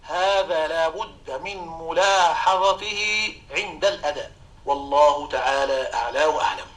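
A man, a Quran recitation scholar, explaining recitation rules in a measured way and chanting short examples. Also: on the high side, fairly bright tone, soft background music, low-quality recording.

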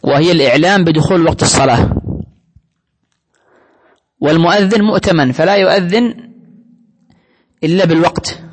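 A man's voice: on the high side, normal speed, pauses often, breathy edge. A man giving a religious lesson in an explanatory, teacherly way, often quoting scripture. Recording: long hall reverb.

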